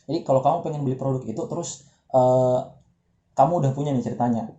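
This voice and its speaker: A man's voice: mid-range voice, fast talker, warm tone, reverberant, lo-fi sound. A man teaching English pronunciation in a casual, joking lesson, drilling words for a partner to repeat.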